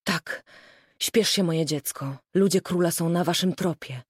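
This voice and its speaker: A woman's voice: on the low side, a little slow, slightly rough, no echo, clean studio sound. A woman voicing a tender but urgent aunt in a storybook reading. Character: kindly aunt bringing urgent news.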